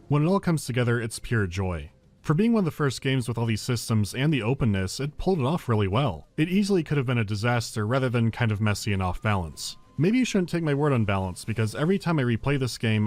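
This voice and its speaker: Quick-talking wry male game reviewer. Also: medium pitch, a little mellow. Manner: dry, wry humour. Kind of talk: scripted review narration. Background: game music.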